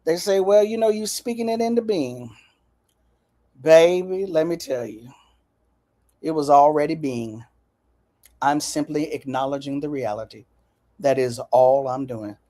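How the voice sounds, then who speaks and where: Woman, host, folksy, lively, mellow tone. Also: deep voice. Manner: folksy, lively, talks straight to viewers. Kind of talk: casual chat to viewers.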